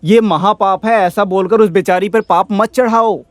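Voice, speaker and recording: A man's voice: high-pitched, fairly even intonation, normal speed, no room sound, natural voice. A man dubbing a stubborn, defiant old village patriarch in a film. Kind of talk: Hindi film dub.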